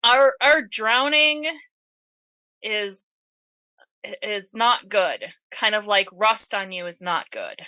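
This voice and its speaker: Slow, bright-voiced woman player. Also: medium pitch, lively intonation, dry recording. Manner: hesitant, lots of ums and restarts. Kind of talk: casual in-game chat.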